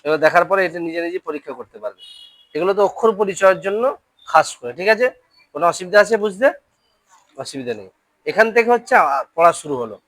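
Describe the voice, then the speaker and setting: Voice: medium pitch, animated, fast, pauses often, fairly bright tone, dry recording. Quran reading teacher, classroom drill, syllables spoken one by one, frequent comprehension checks, dry close sound. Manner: drills syllables aloud, often checks understanding. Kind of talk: letter-by-letter Quran reading lesson. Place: classroom with a board.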